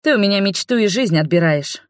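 A woman voicing a shrill furious young princess. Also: lively intonation, brisk, dry recording, studio quality, close to an everyday voice. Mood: indignant. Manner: indignant, shouting.

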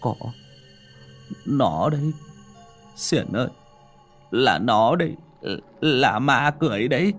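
A man's voice: mid-range voice, lively intonation, takes it slowly, pauses often, a bit bright, faint music behind, voice pushed up, exaggerated voice. A man doing a terrified stammering young villager. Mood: trembling. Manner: stammering, trembling.

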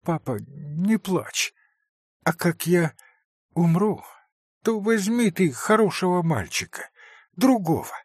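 A frail, gravely ill boy with a soft, breathy, high voice that wavers and pleads, as a man reads him aloud in an audiobook. The voice stays husky and close, with a dry, roomless sound. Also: sing-song, slow pace, long pauses, no echo, exaggerated voice. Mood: pleading tearful.

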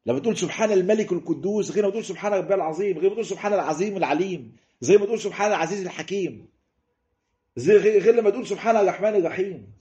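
Fervently delivering a sermon in an Egyptian Arabic accent, this man speaks in a high, warm voice at a racing pace, working up to emphatic repetitions. The audio is lo-fi, dull and roomy.

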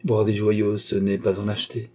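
A man with a dark, husky voice reading a haughty, teasing queen in an audiobook, raising his voice a little for her. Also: fairly low pitch, monotone, moderate pace, natural voice. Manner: teasing, laughing, grand. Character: haughty, mocking adult woman queen.

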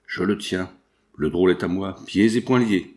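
A man voicing a stern middle-aged ex-foreman who speaks low and clipped, through clenched teeth. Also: normal speed, a little mellow, close to an everyday voice.

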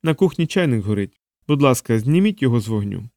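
A man voicing a calm, commanding and menacing man who speaks in a curt, dull bass, in an audiobook. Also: quick pace, no room sound, clean studio sound. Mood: cold command. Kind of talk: audiobook character voice.

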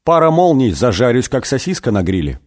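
A man's voice: mid-range voice, very animated, brisk, voice pushed up, close to an everyday voice. A man voicing Judas as a sheepish, money-loving figure who pleads and whines. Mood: conspiratorial. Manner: whiny, pleading.

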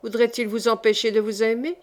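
A woman's voice: a little high, little pitch movement, a little fast, natural voice. A woman reading the part of an earnest young man in an audiobook, pressing with incredulous questions. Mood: questioning.

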